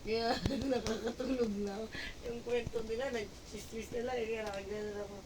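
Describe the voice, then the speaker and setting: A woman with a high voice tells a lively, laughing story in casual chat. She sounds set back from the microphone, with loud noise running behind her. The talk stays loose and animated. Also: fairly quick. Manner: animated, laughs often while telling a story. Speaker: gamer chatting while playing. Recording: distant mic with loud background noise.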